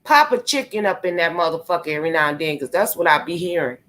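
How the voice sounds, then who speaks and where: A woman's voice: fairly low pitch, lively intonation, fast, fairly bright tone. A woman talking casually on her live stream, swearing freely, laughing often and speaking straight to her viewers.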